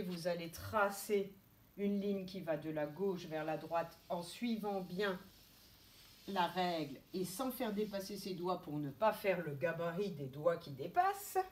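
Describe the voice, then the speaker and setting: A woman, a kindergarten teacher giving a slow, step-by-step handwriting lesson to young children. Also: fairly low pitch, a little hiss or hum. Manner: slow, step-by-step instructions, thinking aloud.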